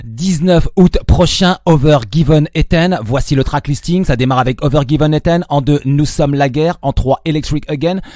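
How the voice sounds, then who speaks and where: A radio host with a French accent runs a live interview, moving between French and English, stumbling and correcting himself over foreign titles, with quick laughs. His voice is on the high side and a little mellow. The studio recording is clean, without echo.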